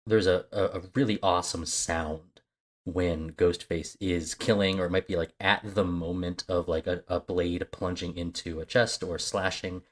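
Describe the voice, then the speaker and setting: A man's voice: sits low, steady tone, normal speed. A man co-hosting a movie podcast, chatting casually with rambling asides and lots of fillers. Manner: rambling, many fillers and restarts. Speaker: podcast co-host. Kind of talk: casual movie-talk chat.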